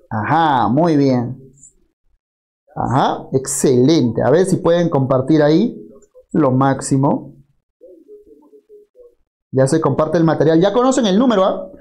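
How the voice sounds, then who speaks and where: A man from Peru teaching an online math class, walking through each step aloud and often asking "right?". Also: fairly high pitch. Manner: lively, rhetorical tag questions, walks through each step aloud.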